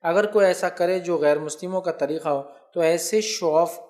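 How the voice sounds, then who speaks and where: A man's voice: sits high, a little mellow. A man, an Islamic scholar answering viewer questions in a religious lecture, explaining patiently and often checking that listeners follow.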